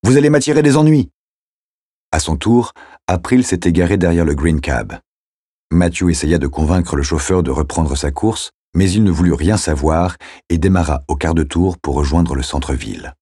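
A man reading a novel aloud as narrator in a measured, steady way. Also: extremely low pitch, husky, no room sound, clean studio sound. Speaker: audiobook narrator. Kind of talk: scripted narration.

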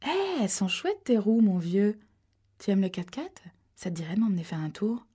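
A woman's voice: medium pitch, sing-song, normal speed, dark tone, breathy edge. Woman playing a ditzy, babbling flirt. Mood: flirty. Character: scatterbrained flirty woman agent, chatty.

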